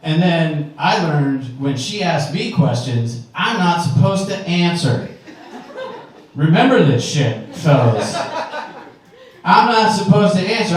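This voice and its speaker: A man's voice: a little high, expressive, moderate pace. Wry man in his forties doing stand-up. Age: 40s. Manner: wry, conversational, punchy asides to the crowd. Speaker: stand-up comedian. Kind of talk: stand-up comedy set. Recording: very echoey room, distant mic, faint ambience.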